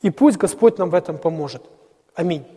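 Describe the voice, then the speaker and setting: High-voiced man preaching in a hall. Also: expressive, warm tone, husky. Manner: earnest, halting with fillers. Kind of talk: sermon. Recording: hall reverb.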